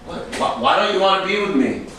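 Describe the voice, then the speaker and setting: An actor with a high-pitched, bright, forceful voice, quick and lively in intonation, reads the part of a volatile, possessive alcoholic man, a desperate failing writer, in a staged play. Demanding and wounded, he swings from accusing and bullying to pleading and begging. Recorded from a distant microphone in an echoey room, with faint noise.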